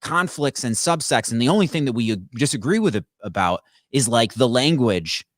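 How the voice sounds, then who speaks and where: A man's voice: medium pitch, lively intonation, moderate pace, no room sound, studio quality. A man in casual conversation, rambling with many restarts and stammers. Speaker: podcast co-host. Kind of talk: casual chat.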